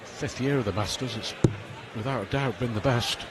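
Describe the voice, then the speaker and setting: A man's voice: medium pitch, normal speed. A man giving live darts commentary as the lead commentator. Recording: loud background arena noise. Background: noisy darts arena.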